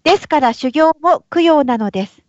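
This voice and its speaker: A woman with a high, light voice reads carefully through an online call. The audio is dull and lo-fi, and the choppy connection strips away any sense of room, leaving it close and dry. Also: expressive, normal speed, no room sound. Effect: heard over an online call with a choppy connection. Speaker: participant reading aloud in a study group. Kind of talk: reading a text aloud.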